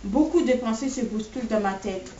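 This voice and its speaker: A woman author reading aloud from her own novel in a steady, measured way, in short phrases, in a classroom. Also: a little high. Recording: distant, echoey, dull-sounding recording.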